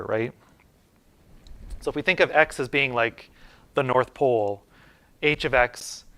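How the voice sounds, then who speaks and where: A university lecturer with a sharp, mid-pitched voice teaches a math class in a lecture room, casually thinking aloud as he works through the material. He's informal, uses many fillers, restarts often, and frequently checks in with the room.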